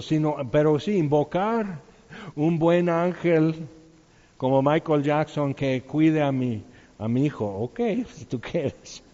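A man's voice: medium pitch, warm tone. Chatty man teaching the Bible. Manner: conversational, chuckles, asks listeners questions. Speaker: preacher. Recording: dull sound with long hall reverb.

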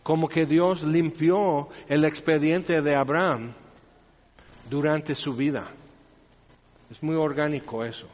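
Wry higher-voiced male preacher in a hall. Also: steady tone, takes it slowly, pauses often, a little mellow. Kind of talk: sermon. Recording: reverberant hall, dull lo-fi sound.

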